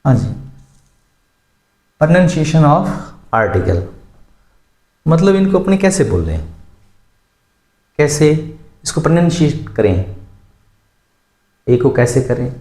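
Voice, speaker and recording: Speaking slowly with frequent pauses, a man runs a grammar lesson in a dark-toned, rather high voice with big pitch swings, raising it somewhat. He goes through things one step at a time, repeating key terms and stopping to quiz the learners. Echo from the room colors the sound.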